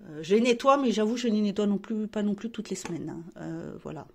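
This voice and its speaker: A woman's voice: mid-range voice, animated, a little fast, dark tone. A woman beauty vlogger chatting casually while showing her makeup, rambling with frequent restarts and fillers.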